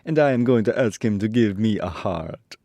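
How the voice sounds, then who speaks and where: Storybook tin man performed by a man: solemn, earnest, lifted in pitch, dry sound. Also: expressive, moderate pace, dark tone, dry recording, natural voice. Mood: solemn longing. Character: solemn male tin woodman longing for a heart.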